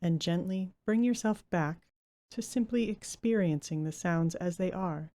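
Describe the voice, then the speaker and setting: A female meditation guide speaks gently and without hurry, leaving generous pauses. Her voice is lowish and very soft-edged.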